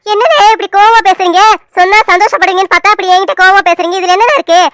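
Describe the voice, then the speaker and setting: A woman's voice: extremely high pitch, racing, fairly bright tone, no echo, clean studio sound. A woman voicing a sensible, earnest young daughter who patiently explains herself in a cartoon serial.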